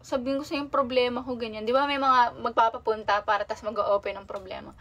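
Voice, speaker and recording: A woman's voice: fairly high pitch, fairly even intonation, fast talker, a bit bright, poor audio. A young woman talking casually on a livestream, rambling and confessional, with many fillers and restarts.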